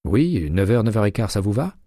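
A man's voice: lowish voice, big pitch swings, fairly quick, warm tone, no room sound, clean studio sound, pitched above the performer's own voice. A male audiobook reader voicing a retired male investigator who asks for favors in a polite, persuasive tone. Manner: polite, persuasive phone talk.

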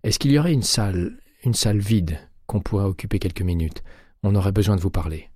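A man's voice: on the low side, brisk, mellow, husky, no room sound, clean studio sound. A man voicing an urgent, persuasive middle-aged former patient in an audiobook. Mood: insistent. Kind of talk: audiobook reading.

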